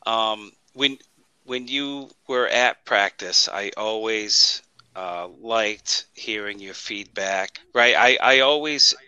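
A man with a very bright, sharp tone talks on a podcast. He pauses and hunts for his words as he goes. His voice sounds close and dry. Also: fairly low pitch, smooth, dry recording, poor audio. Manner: halting, searching for words. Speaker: band drummer, guest. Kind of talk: casual podcast chat. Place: dark room at home. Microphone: headphones and microphone.

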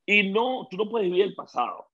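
A middle-aged Venezuelan man with a gravelly, somewhat husky voice pitched a little high. He talks like a guest telling stories in a casual interview and acts out the voices of the people he quotes. The recording sounds dull and lo-fi. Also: moderate pace. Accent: Venezuelan Spanish. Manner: lively storyteller who acts out quoted dialogue. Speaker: guest, former baseball player.

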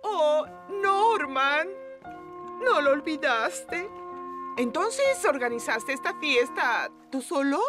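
A woman voicing a nosy, fussy, doting mother in an animated cartoon dub. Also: high-pitched, slow pace. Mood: touched. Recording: loud music under the dialogue.

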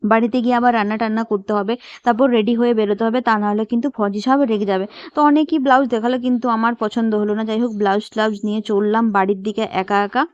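A woman's voice: on the high side, fairly even intonation, quick pace, a little mellow, no room sound, dull audio. A young woman chatting in a casual vlog, talking straight to her viewers. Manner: chatty, emotional, upset in later parts. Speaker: vlogger.

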